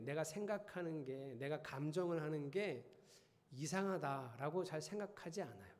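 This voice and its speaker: A man's voice: on the high side, warm tone. A middle-aged male pastor giving a chatty sermon. He often asks the congregation questions. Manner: conversational, teasing the congregation with questions. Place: church sanctuary. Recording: reverberant church hall.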